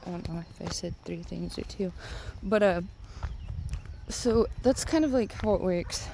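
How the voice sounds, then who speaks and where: A stoned woman rambling casually and haltingly, with lots of filler "like"s, as she vlogs on a walk. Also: on the low side, creaky, warm tone, slight background noise. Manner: rambling, halting, heavy use of "like". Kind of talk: casual rambling vlog talk. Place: outdoors, on a walk.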